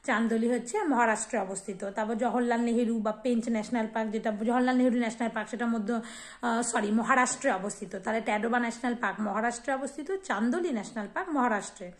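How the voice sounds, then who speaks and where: A woman's voice: a little high, fast. A young woman teaching geography over a map, asking questions and answering them herself in a chatty way. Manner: chatty, asks and answers her own questions, shares memory tricks. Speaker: exam-prep teacher.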